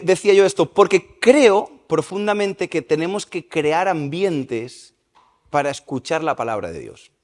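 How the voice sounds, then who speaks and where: Spanish guy preaching to his church, kinda high voice, long echo off the hall. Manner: lively, asks the congregation questions. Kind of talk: sermon. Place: church service in a large hall.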